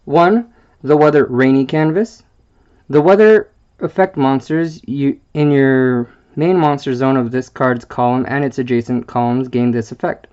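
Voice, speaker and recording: A man presenting a card game deck, reading the card text aloud in a halting way, stumbling over wordings and filling gaps with "uh". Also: medium pitch, a little mellow, highs cut off.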